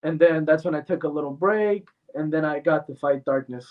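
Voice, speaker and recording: A man's voice: a little high, fairly quick. A man born in Mexico, a fighter answering interview questions bluntly and confidently, with frequent fillers. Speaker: MMA fighter guest. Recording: tinny phone-like sound from far off.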